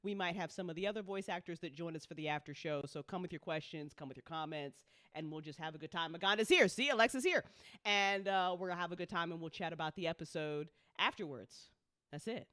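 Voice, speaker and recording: Hosting a live audio drama listening party, a woman who co-founded, writes, and directs the project chats fast and casually in a low, slightly bright voice. She's playful and swears freely, and the recording is dry and studio quality.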